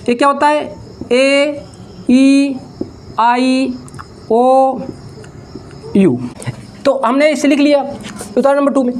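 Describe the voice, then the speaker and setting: A man teaching maths in a classroom-style lecture, dictating slowly and step by step, asking questions and answering them himself, and repeating key terms. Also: very high voice, darkish tone, a little hiss or hum.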